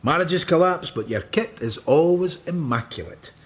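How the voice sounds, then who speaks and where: Guy acting as scottish police inspector, blunt and sardonic, lively swingy voice, bit high, radio drama. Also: normal speed, close to an everyday voice. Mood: dry, wry.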